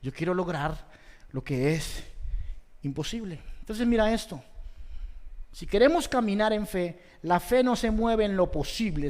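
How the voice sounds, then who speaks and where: High-voiced pastor preaching in a reverberant hall. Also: male voice. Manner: preaching with sweeping swings between loud exhortation and soft slow emphasis; rhetorical questions to the congregation. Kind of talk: sermon. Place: church hall. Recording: long reverb of a large church hall.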